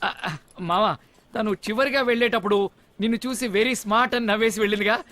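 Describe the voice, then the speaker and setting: A man's voice: high-pitched, normal speed, bright, forceful tone. An actor dubbing a know-it-all male sidekick who is bossy and mocking and rattles off comic lists, in a dubbed film comedy scene.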